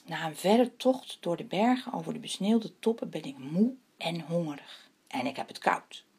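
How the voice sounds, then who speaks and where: A woman's voice: fairly low pitch, animated, moderate pace, vocal fry, a little mellow, breathy edge, full character voice. Woman reading as the weary, wandering moon.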